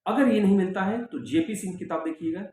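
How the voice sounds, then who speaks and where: A man's voice: high-pitched, fast, darkish tone. A middle-aged man, a sociology professor, giving students direct, repetitive advice in a lecture. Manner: direct, repeats points with emphatic reminders. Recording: very echoey room with faint background noise.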